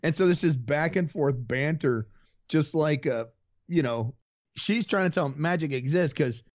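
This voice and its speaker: A man's voice: on the high side, normal speed, darkish tone. Rambling man in a muffled recording. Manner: rambling retelling full of fillers, quoting the characters' lines. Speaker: podcast co-host. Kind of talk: casual chat recapping a comic.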